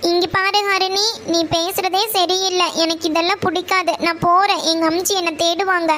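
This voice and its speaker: A woman's voice: extremely high pitch, flat delivery, bright, forceful tone, slight background noise. A woman voicing a wary, touchy teenage village girl in a cartoon, with a Coimbatore Kongu Tamil accent. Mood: annoyed. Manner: suspicious, quick to take offence.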